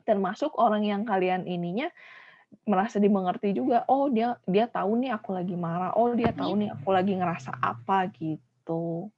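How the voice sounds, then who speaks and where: A woman's voice: medium pitch, moderate pace, highs cut off. Patient woman counselor talking to kids. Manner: patient, explains to children and acts out example voices. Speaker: school counselor teaching a class. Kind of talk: online class lesson.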